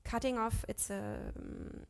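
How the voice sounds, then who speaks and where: A woman teaching a class on Sanskrit scripture, chanting verses slowly and correcting herself aloud as she goes. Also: a little high, very animated, vocal fry. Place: ashram class.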